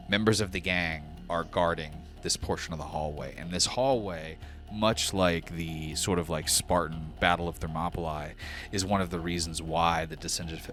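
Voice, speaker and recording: A man's voice: low voice, fairly bright tone. A man narrating a tabletop game as game master in a casual, descriptive style.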